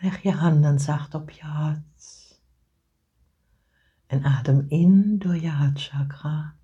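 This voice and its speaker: Female meditation guide; low, very slow, breathy and half-whispered. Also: dark tone, dull audio. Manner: slow soothing delivery, often whispered.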